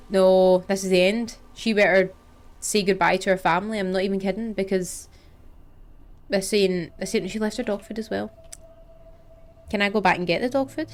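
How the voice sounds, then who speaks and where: A woman's voice: mid-range voice, normal speed, pauses often. Jumpy young woman playing a horror game. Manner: jumpy, nervous chatter with frequent yelps and gasps. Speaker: gaming streamer. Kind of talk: horror game let's play commentary.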